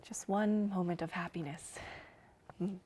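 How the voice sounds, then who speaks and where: A woman playing a young woman facing her end together with her partner, speaking softly and tenderly in a drama reading. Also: on the low side, steady tone, a little slow, slight background noise, natural voice. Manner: soft, tender, often hushed. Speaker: actor. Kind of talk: staged radio-style drama reading.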